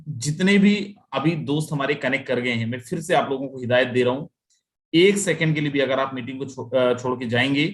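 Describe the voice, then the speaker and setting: Guy running an online sales webinar, keeps hammering the same points, average pitch, gets louder each time he says my friend. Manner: emphatic and repetitive, rising on each "my friend". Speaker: webinar presenter.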